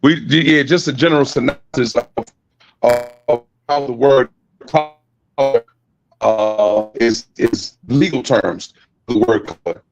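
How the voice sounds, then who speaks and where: A man presenting a lecture over an online call, talking haltingly and repeating words, while his audio keeps breaking up and cutting out. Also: mid-range voice, gravelly, soft background music, poor audio. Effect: choppy call audio breaking up and cutting out.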